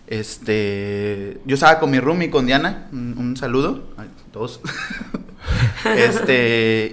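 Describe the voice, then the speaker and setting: A young man with a Mexican Spanish accent animatedly tells a story during a group podcast, using slangy casual speech and laughing along the way. His voice is medium-pitched and a bit bright.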